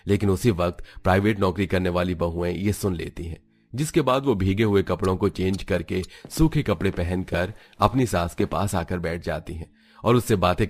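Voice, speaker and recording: Very deep-voiced male cartoon narrator. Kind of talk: scripted narration.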